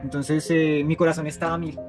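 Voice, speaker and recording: Man, interview guest, slightly high voice, halting telling with lots of "eh" and restarts, music bed underneath. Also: level tone. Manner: hesitant, with many fillers and repeated words. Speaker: interview guest sharing a testimony. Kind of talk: casual first-person storytelling. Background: music playing under the voice.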